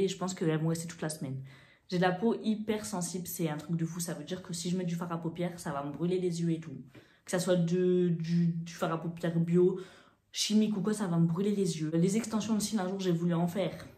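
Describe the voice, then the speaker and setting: A young woman telling a story casually to the camera as a beauty vlogger, chatty and animated, with fillers. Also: on the low side, brisk, echoey room.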